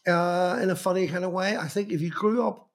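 A man with a Belfast accent, in his fifties and from Northern Ireland, speaks in a somewhat high voice at a slightly quick pace. He's a magazine journalist guesting on an interview, reflecting on how he got into music journalism through rambling anecdotes full of restarts.

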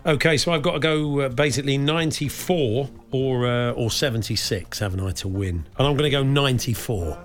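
A man's voice: medium pitch, brisk, few pauses. A man hosting a radio show with casual, chatty sports banter.

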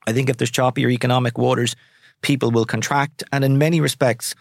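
A man with a west of Ireland accent talks as an interview guest in a frank, colloquial style. His voice sits at a middling pitch. The recording is dry, with hardly any room sound. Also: fairly even intonation, a little fast, gravelly, no room sound. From Sligo, west of Ireland. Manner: candid, colloquial. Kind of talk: conversational interview answers.

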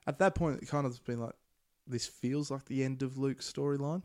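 A man hosting a casual podcast chat. He is animated, swears freely and laughs often. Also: mid-range voice, moderate pace.

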